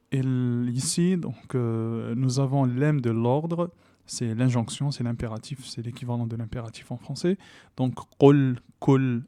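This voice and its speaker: A man teaching Quran recitation rules in a lesson, patiently explaining and repeating sounds slowly with emphasis, in a dry close recording. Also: medium pitch, mellow, dry recording.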